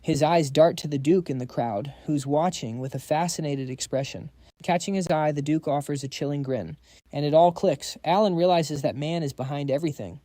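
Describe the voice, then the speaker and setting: A man's voice: a little high, moderate pace, dark tone, no echo, clean studio sound. A man narrating a scripted story recap, dropping quips to the audience.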